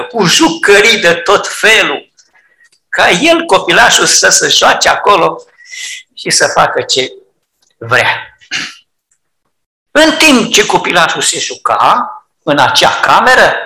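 A preacher delivering an emphatic sermon, repeating phrases and swelling into fervent shouts. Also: mid-range voice. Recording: roomy hall echo.

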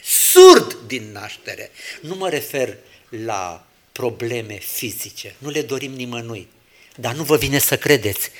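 A man preaching a sermon, dramatic, moving from hushed words to loud exclamations and acting out short dialogues. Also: medium pitch.

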